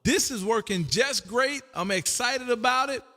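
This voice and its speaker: Speaking unhurriedly in a very high, sharp-toned voice, a man hosts an easygoing ham radio conversation full of folksy, chatty exuberance. He operates and livestreams from a radio room at home, with long hall reverb on his voice.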